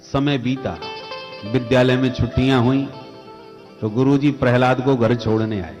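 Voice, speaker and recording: A man preacher narrating a devotional story in a dramatic, animated sermon style. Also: mid-range voice, moderate pace, soft background music.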